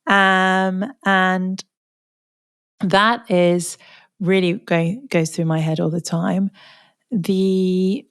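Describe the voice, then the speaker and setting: A British woman speaking as a podcast guest in a casual interview, halting and often repeating words as she gathers her thoughts. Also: fairly low pitch, fairly even intonation, clean tone. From Britain.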